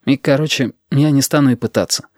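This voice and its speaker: A man's voice: medium pitch, a little fast, darkish tone, no room sound, clean studio sound, pitched above the performer's own voice, close to an everyday voice. A man voicing a gloomy young male student. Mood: subdued.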